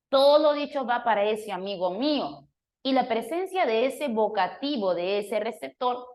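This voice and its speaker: A woman teacher who walks a class through a review lesson, explaining points and putting questions to students by name. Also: fairly high pitch. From Peru. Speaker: language teacher.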